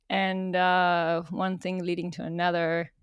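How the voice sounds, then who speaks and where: A woman's voice: lowish voice, clear, resonant tone, dry recording. A woman from Estonia, a podcast guest telling stories in casual talk and laughing often.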